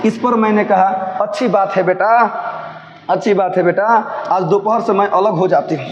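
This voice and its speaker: A man's voice: high-pitched, fairly even intonation, moderate pace, echoey room, long reverb tail, highs cut off, a little hiss or hum. A man teaching a story to students, reading lines and explaining them in a Bhojpuri accent. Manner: switches between reading and dialect asides.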